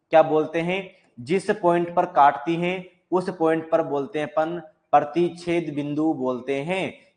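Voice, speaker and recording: A man giving a maths lecture, explaining step by step and asking the class questions that he answers himself. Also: fairly high pitch. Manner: explains step by step, repeating key points as questions to students. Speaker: maths teacher.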